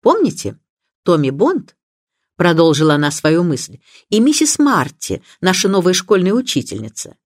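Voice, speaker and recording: A woman reading the part of an elderly spinster detective, mild and precise, with a lively voice. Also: lowish voice, normal speed, no echo, clean studio sound, exaggerated voice. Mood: musing. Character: shrewd gentle elderly spinster sleuth.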